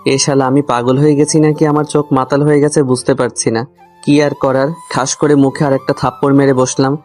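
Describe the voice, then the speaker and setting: Over soft background music, a man narrates a comic love story in the first person as its lead character. His medium-pitched voice stays level and fairly contained in range, moving a little fast. He grumbles and confides, speaking straight to the listener.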